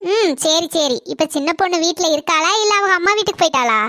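This cartoon comedy line comes from a woman with a very high, bright, pushed voice who talks fast and exaggerates everything with animation. Her character is a chatty, tart, tight-fisted middle-aged housewife who loves to gossip, and she uses a Kanyakumari Tamil accent.

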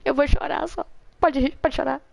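A young Brazilian woman giving excitable, laughing live commentary as she plays a video game, hushing her viewers in mock drama and mixing in English words. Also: high voice, normal speed, vocal fry. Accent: Brazilian Portuguese. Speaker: streamer playing a video game. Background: game music playing.

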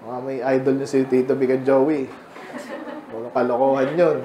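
A man's voice: mid-range voice, level tone, moderate pace, dark tone, echoey room, slight background noise. A man with a Filipino accent preaching a sermon in a church, in a casual, joking style with frequent asides. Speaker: pastor.

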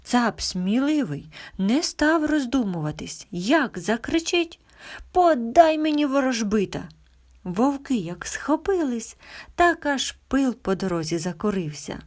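A woman narrating a folk tale as an audiobook, expressive and often dropping to a whisper. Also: on the high side, a little slow. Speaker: storyteller.

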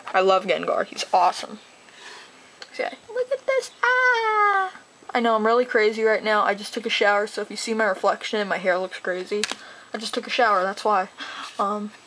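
Fast, rambling teenage girl. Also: medium pitch, slight background noise, poor audio. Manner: gushing, excitable. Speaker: card collector vlogger. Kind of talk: casual unboxing chat.

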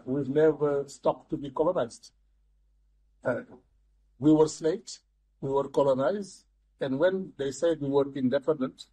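An older man speaking as an economist guest in a studio interview, measured and restarting his words often. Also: a little high, warm tone, husky, low-quality recording. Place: TV studio, seated in armchair.

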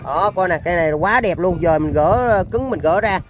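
A man's voice: sits high, expressive, fairly quick. A man with a Southern Vietnamese accent giving an informal sales demonstration of used machinery, in chatty, repetitive patter.

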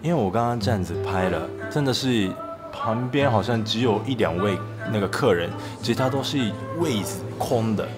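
Speaking Mandarin with a Japanese accent, this young man from Japan, a native Japanese speaker, chats casually on his travel and food vlog. With music behind him, his lowish voice is expressive at a moderate pace.

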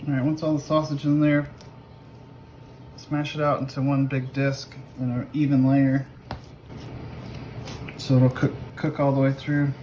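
A middle-aged home cook walks through a recipe in an offhand, unpolished way, speaking unhurriedly at a medium pitch and level tone with frequent pauses. It's a casual cooking demo filmed on a phone held nearby in a clearly noisy home kitchen.

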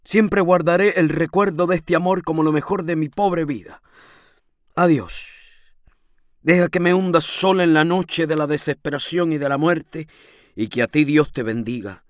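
A man voicing a heartbroken young woman's farewell letter in an audiobook reading, slow, hushed and mournful. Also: a little high, dry recording, studio quality, close to an everyday voice.

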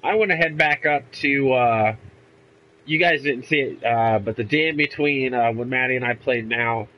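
This young gaming YouTuber sounds congested from a cold as he chats casually and rambles through a let's play in a room at home. His pitch is medium and his speed normal, and the recording is muffled.

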